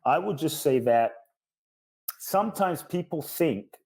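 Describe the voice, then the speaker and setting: A man appearing as a guest spiritual teacher in an interview earnestly lays out self-help lessons through emphatic, repeating lists. His fairly high voice is animated and slow, slightly rough and a little mellow.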